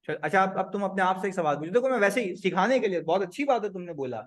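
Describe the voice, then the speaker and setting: A man teaching an accounting class with a high voice. He is animated, acts out client conversations and keeps quizzing the room. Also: fast. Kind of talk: classroom lecture.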